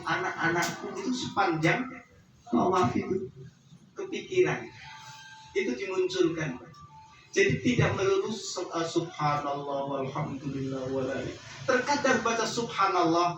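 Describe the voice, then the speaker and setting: A man gives a religious teaching talk to pilgrims, his voice a little high for a man. He speaks directly to his listeners and sinks into hushed prayer tones. The sound comes from far off through a very echoey space. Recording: very echoey, from far off, faint ambience.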